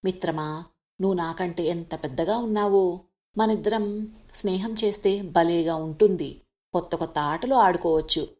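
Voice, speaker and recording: A woman voicing a small, calm and wise ant in a storybook, speaking gently and without fear. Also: on the low side, moderate pace, close to an everyday voice. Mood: friendly. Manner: gentle, fearless, advising.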